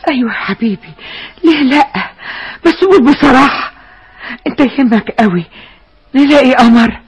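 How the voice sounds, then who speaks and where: A tender older sister with a very husky, breathy voice and an Egyptian accent. She coaxes and reassures her brother warmly in the manner of an old radio play. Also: high-pitched, expressive, moderate pace, soft background music, full character voice. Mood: coaxing. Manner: coaxing, tender, encouraging. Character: caring older sister, coaxing and hopeful. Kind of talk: 1960s Egyptian radio drama acting.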